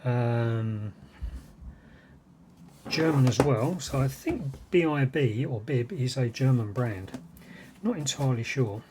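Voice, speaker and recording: Speaking slowly and expressively with frequent pauses, a British man muses aloud as he presents vintage cassette gear in an unscripted unboxing. His pitch is medium, and there's noise in the background.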